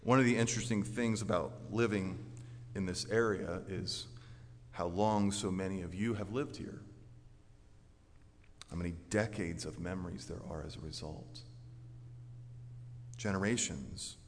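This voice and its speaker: With a low voice, an unhurried pace and long pauses, an American pastor from Orlando, Florida, preaches earnestly and emphatically in a reverberant large hall. He shifts between forceful declarations and quieter storytelling.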